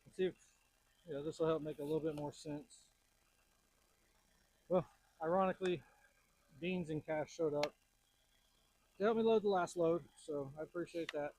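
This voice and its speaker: A man talks to his viewers in a folksy, informal way. His voice sits a little high for a man. He is outdoors, and a tractor rumbles behind him as he explains the work. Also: moderate pace, pauses often, darkish tone, poor audio. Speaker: outdoors vlogger. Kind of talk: casual chat to camera, walking viewers through work. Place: outdoors on land being cleared.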